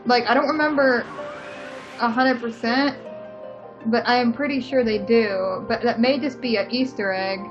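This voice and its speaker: Co-hosting a let's play, a fairly high-voiced woman speaks at a moderate pace, giving opinionated, blunt, casually profane gaming talk. The recording comes through a dull lo-fi mic with loud game music in the background.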